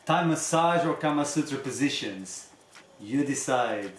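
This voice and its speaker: A man's voice: medium pitch, animated, measured pace, slight background noise. A man hosting as a teacher, chatting casually and reading comments aloud in an earnest, emphatic manner with rhetorical questions. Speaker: massage teacher and channel host. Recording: echoey room with background music.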